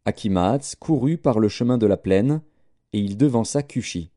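A man reading scripture aloud in a measured, solemn way. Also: fairly low pitch, lively intonation, dark tone, dry recording, studio quality. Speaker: scripture reader.

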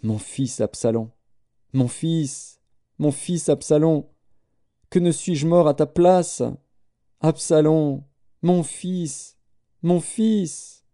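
A man's voice: medium pitch, animated, brisk, dark tone, natural voice. A man reading aloud voices an old king who weeps and laments for his son. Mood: anguished. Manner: wailing lament. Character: grieving old king, father of a dead son.

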